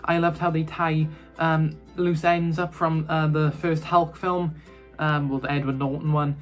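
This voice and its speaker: A man's voice: on the high side, level tone, a little slow, faint music behind. A man reviewing films in a casual, rambling chat, full of fillers and restarts. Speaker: film reviewer.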